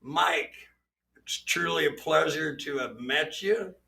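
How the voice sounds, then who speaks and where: A man hosting a casual podcast, swearing freely and laughing and shouting often. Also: fairly high pitch, slow pace, vocal fry. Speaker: podcast host. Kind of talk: casual chat.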